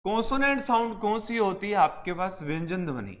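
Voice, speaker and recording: High-voiced male classroom teacher. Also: animated, brisk, fairly bright tone. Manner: explains with repeated questions and answers. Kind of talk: classroom lecture. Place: classroom with students.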